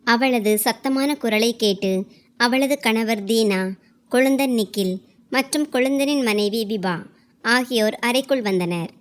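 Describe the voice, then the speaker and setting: A woman's voice: a little high, a little slow. Woman narrating a family story. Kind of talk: scripted narration.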